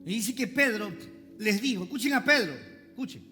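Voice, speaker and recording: A man preaches a sermon in a very high, bright, forceful voice. He jokes with his congregation, has them repeat lines after him, and swings between shouted peaks and quiet asides. His voice rings in a reverberant church hall with faint music behind it. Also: moderate pace. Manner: calls on the congregation to repeat phrases. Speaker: pastor.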